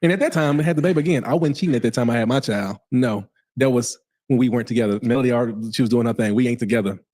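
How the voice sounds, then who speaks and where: A man, answering interview questions in a casual, halting way and repeating himself. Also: medium pitch, a little mellow. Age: 40s. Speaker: interview guest.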